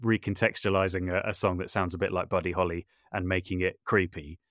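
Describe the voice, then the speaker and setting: The composer and voice artist answers as a podcast guest in a low, fairly bright voice with little pitch movement, speaking briskly. He's thoughtful but hesitant, rephrasing and repeating words as he goes, and the studio-quality audio has no echo.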